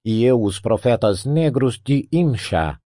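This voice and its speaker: A mysterious man who serves dark prophets, cryptic and boastful, as a male reader puts him on. His tone is dark and mellow, recorded dry and close. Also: medium pitch, lively intonation, slow pace, dry recording. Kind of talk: audiobook character voice.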